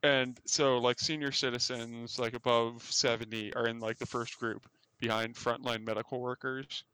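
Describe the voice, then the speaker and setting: A man's voice: mid-range voice, flat delivery, normal speed, pushed and bright, smooth, dry recording, rough recording. A young man in casual chat with friends, teasing the others and then explaining a gripe at length.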